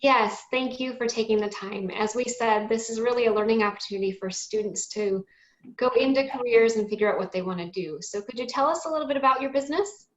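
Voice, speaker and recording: A woman hosts a career interview, asking short and friendly questions. Her voice is a bit high and sounds through a roomy echo. The sound is slightly dull. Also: a little fast.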